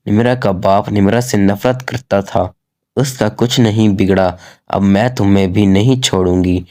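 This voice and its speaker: Low-voiced male storyteller, steady reading. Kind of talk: first-person story narration.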